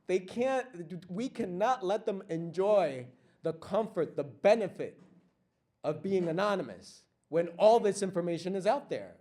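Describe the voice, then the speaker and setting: A man's voice: sits high, dark tone. Fiery, repetitive man presenting a workshop. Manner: fiery, rhetorical, repeats lines for emphasis. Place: meeting room with tables, before a live audience.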